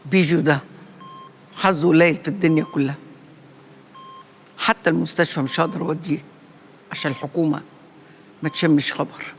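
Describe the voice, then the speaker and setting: An actress playing a fierce, sharp-tongued older matriarch in an Egyptian TV drama, speaking with an Egyptian accent. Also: female voice, medium pitch, fast talker, long pauses, slight background noise, close to an everyday voice. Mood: grieving. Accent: Egyptian Arabic. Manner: sharp, mocking, threatening.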